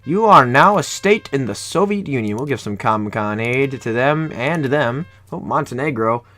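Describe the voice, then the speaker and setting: A man's voice: mid-range voice, animated, normal speed, sharp tone, soft background music. A young man from Ohio, casually commenting on a strategy game he is playing, rambling and correcting himself as he goes. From Ohio, USA. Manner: rambling, self-correcting, jokey. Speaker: gaming YouTuber. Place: home room.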